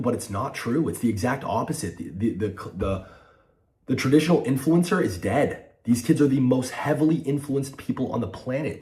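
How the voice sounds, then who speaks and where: A man's voice: medium pitch, darkish tone. A man giving an impassioned, blunt personal monologue to viewers, emotional and aggrieved, with heavy casual swearing. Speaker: online content figure giving a personal statement.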